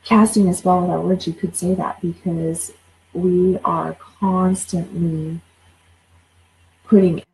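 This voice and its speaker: A woman's voice: lowish voice, level tone, slow pace, vocal fry, darkish tone, a little hiss or hum, rough recording. A woman in her forties, a life coach, talking casually and bluntly, swearing and repeating herself as she gets going. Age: 40s. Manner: blunt, swears, repeats words when fired up. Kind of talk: casual livestream talk.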